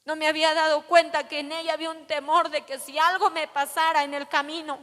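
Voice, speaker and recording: A woman's voice: sits high, little pitch movement, fairly quick, a bit bright, in a large hall. A woman pastor, giving an earnest testimony sermon and calling her listeners brothers.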